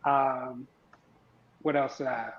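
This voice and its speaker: A man talking casually as a guest on an online show, pausing often with ums and uhs. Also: medium pitch, level tone. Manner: hesitant, many ums and uhs. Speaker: guest husband. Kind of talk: casual video-call chat. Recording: roomy, dull lo-fi sound.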